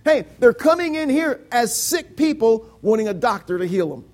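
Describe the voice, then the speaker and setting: A man preaching a sermon with emphatic, repetitive lines that climb to shouts. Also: very high voice, very animated, moderate pace.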